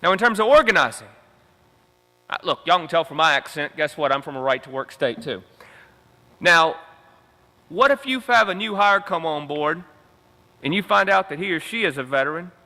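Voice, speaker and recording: A man's voice: on the high side, animated, normal speed, pauses often, bright, forceful tone. Rallying man in echoey hall. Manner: emphatic, repetitive rallying cadence. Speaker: union veterans council director. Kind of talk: convention rally speech. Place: convention hall.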